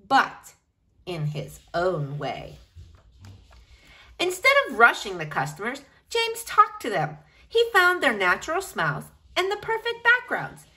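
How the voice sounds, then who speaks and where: Speaking directly to children, a woman reads a picture book aloud with lively expression, her pitch fairly high.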